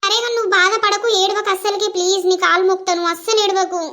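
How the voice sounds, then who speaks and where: Cartoon girlfriend, young, fussing and doting, shrill high voice, woman actor. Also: steady tone, quick pace, pushed and bright. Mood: coaxing. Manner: coaxing, pleading endearments. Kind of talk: village cartoon voice acting.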